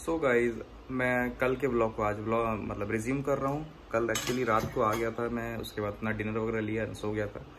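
A man's voice: mid-range voice, fairly even intonation, moderate pace, few pauses, a bit bright. Chatty young man vlogging on the street. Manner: chatty, joking with shopkeepers. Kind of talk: casual vlog narration. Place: shops and roadside, outdoors and in a store. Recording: noisy street and store.

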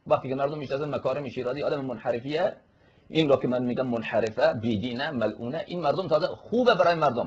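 A male cleric giving a forceful, polemical religious lecture, answering a questioner and quoting Arabic scripture. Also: medium pitch, husky, dull audio.

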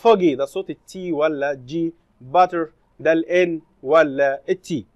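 High-voiced Egyptian man teaching English. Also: dry recording, studio quality. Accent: Egyptian Arabic. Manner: reads English slowly, then explains in Arabic. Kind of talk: recorded classroom lesson explanation.

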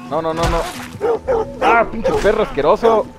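Young Mexican male streamer, slightly raised voice, loose and excitable, swears freely while he plays. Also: high-pitched, normal speed, music in the background. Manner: casual, excitable, swears freely, talks to chat. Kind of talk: live gameplay commentary.

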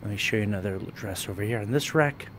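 Man giving a warehouse walkthrough pitch. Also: fast talker, fairly bright tone, slight background noise. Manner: plain, listing items one by one. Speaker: wholesale business owner. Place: indoor warehouse with dress racks. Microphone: handheld phone camera, speaker off screen.

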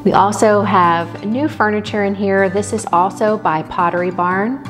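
A woman's voice: medium pitch, fairly even intonation, moderate pace. Woman narrating a home tour. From Texas. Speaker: home vlogger. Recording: faint background music.

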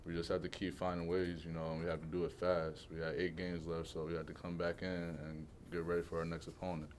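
A young college player answers questions in a deep, even voice with little lift. He speaks softly and leans on filler phrases between thoughts. A faint hum sits under the room. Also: quick pace. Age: 20s. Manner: soft-spoken, leans on you know. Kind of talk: postgame press conference answers. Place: press conference room.

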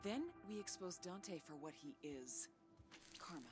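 A woman's voice: on the low side, lively intonation, unhurried, over music. An actress playing a scheming woman fugitive in a video game, pleading and persuasive. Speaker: game character.

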